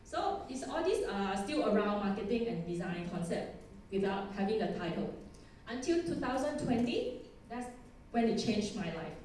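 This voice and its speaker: A very animated woman with a mid-range, slightly mellow voice talks at normal speed. The conference speaker, a Thai woman in her 30s with a Thai accent, gives a chatty talk full of self-deprecation and frequent laughter. Captured by a distant mic in an echoey conference hall, with a little hiss or hum.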